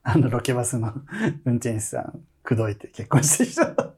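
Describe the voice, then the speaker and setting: A man from Nagasaki, Japan, chatting loosely as a podcast co-host. His voice is very breathy and husky, and he breaks into laughter and playful asides often. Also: mid-range voice, normal speed, dark tone. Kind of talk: casual chat.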